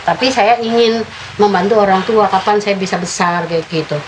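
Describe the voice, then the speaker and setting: A woman in her fifties giving a personal faith testimony in an interview, telling her story in a halting way with many filler sounds. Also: medium pitch, steady tone, background noise. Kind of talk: personal testimony told in conversation.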